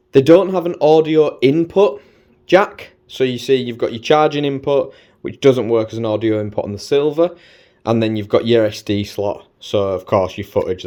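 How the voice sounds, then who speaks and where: A man's voice: mid-range voice, darkish tone, highs cut off. Cheeky, casual British man vlogging. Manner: cheeky, slangy, informal. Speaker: motovlogger presenting gear. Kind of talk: casual chatty gear walkthrough.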